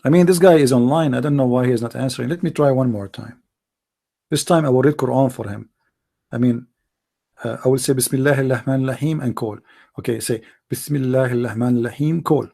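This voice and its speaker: A man's voice: medium pitch, a little fast, gravelly, long pauses, dark tone. A man hosting a call-in religious debate show, firing off combative rhetorical questions in non-native English. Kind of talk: live-stream religious debate talk.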